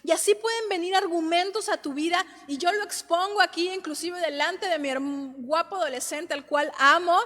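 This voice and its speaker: Mexican woman, emotional testimony sermon, high voice, reverberant room. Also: normal speed, few pauses, a bit bright. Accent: Mexican Spanish. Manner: emotional, testifying, quoting scripture with rising intensity.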